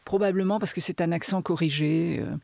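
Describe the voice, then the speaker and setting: A woman in her seventies with a Parisian French accent, speaking as a writer in a thoughtful, measured interview with many hesitations. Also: lowish voice, vocal fry, mellow, no room sound, clean studio sound. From southern France, Catalan area. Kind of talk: reflective conversation.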